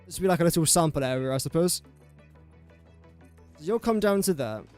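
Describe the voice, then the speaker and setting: Faint music plays behind this young adult streamer from England, whose slightly high, somewhat mellow voice sounds animated and brisk. He gives casual live commentary on a building game, talking self-deprecatingly to the pieces he puts down.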